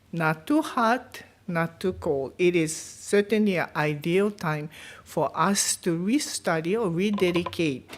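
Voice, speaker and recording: A middle-aged woman from Japan with a Japanese accent, a guest minister giving a chatty, self-deprecating Dharma message in a temple. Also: fairly low pitch.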